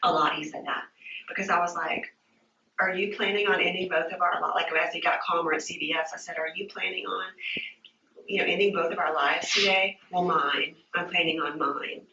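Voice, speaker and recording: A shaken middle-aged woman recounting an ordeal to investigators, halting and repeating herself with many fillers. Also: on the low side, steady tone, sharp tone, a little hiss or hum. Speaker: witness giving a statement. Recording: roomy, distant, dull interview-room tape.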